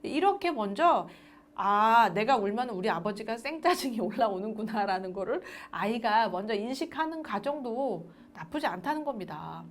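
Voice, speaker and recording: A woman's voice: fairly high pitch, normal speed, hardly any pauses. A woman lecturing parents in a recorded parenting class, often asking her listeners questions. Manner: lively, asks the audience questions.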